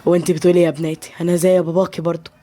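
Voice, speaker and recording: A woman with an Egyptian Arabic accent voicing a kind older father-in-law who coaxes gently. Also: fairly low pitch, flat delivery, rapid-fire, close to an everyday voice. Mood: fatherly.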